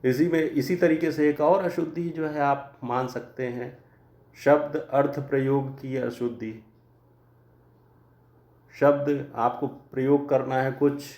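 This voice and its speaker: A man lecturing on grammar at an unhurried, measured pace, his low voice gravelly and dark. He works carefully through one example after another, and the sound carries a roomy echo. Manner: slow, deliberate explaining with examples. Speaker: Hindi grammar teacher. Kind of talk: classroom lecture.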